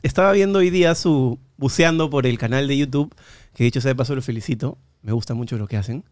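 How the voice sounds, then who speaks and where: A man's voice: mid-range voice, fast talker, darkish tone, no room sound. A man with a Peruvian accent hosting a podcast interview, chatty and courteous with his guests, laughing often. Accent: Peruvian Spanish. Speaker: podcast host.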